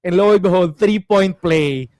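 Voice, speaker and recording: A young Filipino man hosting a casual basketball chat, mixing English and Tagalog, animated and quick to laugh. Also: high voice, no room sound, studio quality. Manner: animated, switches languages mid-sentence, laughs often. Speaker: basketball podcast host.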